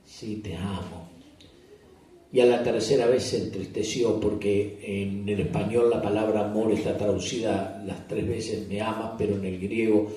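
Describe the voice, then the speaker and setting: A man's voice: fairly low pitch, level tone, normal speed, hardly any pauses, warm tone. A man, a pastor telling a sermon story and asking the congregation questions. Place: church retreat service. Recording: echoey church hall, distant mic.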